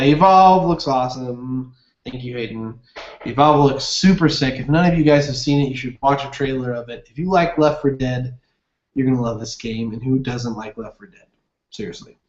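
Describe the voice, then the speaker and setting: Rambling young man on a roomy webcam. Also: mid-range voice. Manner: rambling, upbeat, many fillers. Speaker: livestream host. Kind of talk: casual gaming chat reading live comments. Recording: roomy, dull lo-fi webcam audio.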